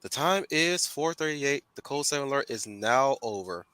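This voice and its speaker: A man putting on a flat, metallic robot voice as a cold, official emergency announcer, reading stiff public announcements. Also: medium pitch, normal speed, clear, resonant tone, no room sound. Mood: stern. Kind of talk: casual group chat while reading a comic.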